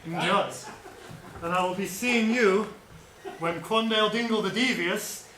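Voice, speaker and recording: A pompous, devious adventurer, played by a man who talks in a grand, theatrical way, his voice sitting high. The sound is roomy, with background noise in the theatre. It's live improv comedy. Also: a little slow, sharp tone. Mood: grandiose.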